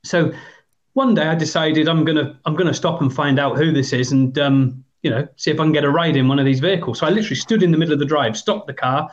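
A man's voice: a little high, fast. English man in his fifties, lo-fi line. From England. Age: 50s. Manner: rambling, hesitant with frequent ums. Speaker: guest. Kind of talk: storytelling in a podcast interview.

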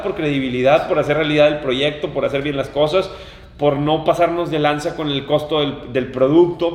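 A man hosting a casual podcast, talking emphatically and repeating key words for stress. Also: on the high side. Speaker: podcast host. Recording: roomy echoing room.

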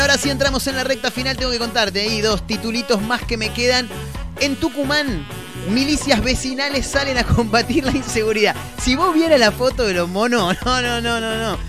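A radio host with a Rioplatense Argentine accent giving slangy, chatty commentary with quick asides. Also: mid-range voice. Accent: Rioplatense Argentine Spanish.

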